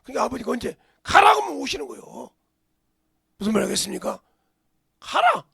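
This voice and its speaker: A middle-aged male pastor preaching a sermon in a church, dropping to whispers and bursting into shouts. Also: extremely high pitch, sing-song, quick pace, creaky, breathy edge, no echo, clean studio sound. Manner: swings from hushed whispers to sudden shouts. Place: church sanctuary.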